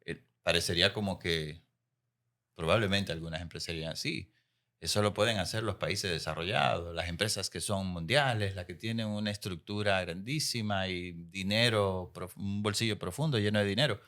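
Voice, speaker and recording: Low-voiced man hosting an interview. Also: normal speed, pushed and bright. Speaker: interview host. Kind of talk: conversational interviewing.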